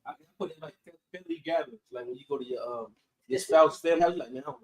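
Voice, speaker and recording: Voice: mid-range voice, fast, a little mellow, rough recording. A guest in a casual group chat, telling jokey stories.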